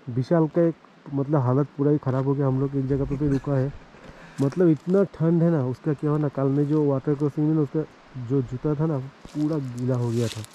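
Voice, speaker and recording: Riding mountain roads, a motorcycle vlogger chats loosely about his trip, leaning heavily on fillers. His mid-range voice is steady, mellow and fairly quick; the recording lacks highs and has a bit of background noise.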